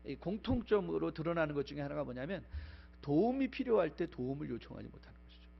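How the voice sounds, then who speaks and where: A middle-aged man from Korea preaching in a church, his voice pitched high and carrying. He moves between loud pleading exhortation and hushed personal confession, dropping short English phrases in. The sermon recording is dull and lo-fi, with a mains hum underneath. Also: vocal fry. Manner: swings from loud urgent exhortation to quiet confessional storytelling. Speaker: pastor. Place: church sanctuary.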